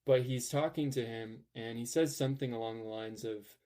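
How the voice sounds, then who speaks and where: Young male podcast host, mellow tone, rambling and upbeat, filler-heavy. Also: medium pitch, steady tone, moderate pace. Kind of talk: casual podcast chat.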